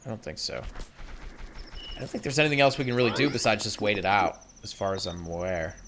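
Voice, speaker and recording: A man's voice: fairly low pitch, steady tone, fast talker, a bit bright, a little hiss or hum. A man giving casual, rambling and self-deprecating commentary while streaming a game. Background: game music.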